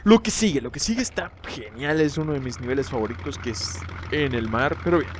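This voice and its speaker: A man hosting a video game walkthrough, chatting casually, shouting at enemies and joking about his own mistakes. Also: medium pitch, animated, brisk, noisy background. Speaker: gameplay guide host.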